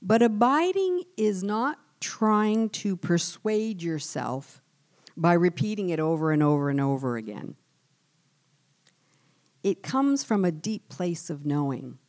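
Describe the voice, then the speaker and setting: A woman with a low voice gives an earnest devotional teaching. She speaks slowly and deliberately, and lets her voice fall soft on the words she wants to land. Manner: earnest, measured, often dropping softer on key words. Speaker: church speaker.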